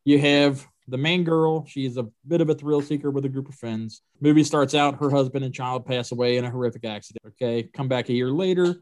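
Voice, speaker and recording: A man with a mid-pitched voice co-hosting a movie podcast. He talks casually and pokes fun at himself. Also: fairly quick, hardly any pauses, a little mellow. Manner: self-deprecating, laughs easily. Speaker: podcast co-host. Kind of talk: casual chat.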